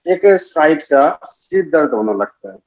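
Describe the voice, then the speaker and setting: A man's voice: a little high, lively intonation, a little slow. A man on a video call, a webinar participant, politely addressing the doctor as sir. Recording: dull lo-fi video call audio.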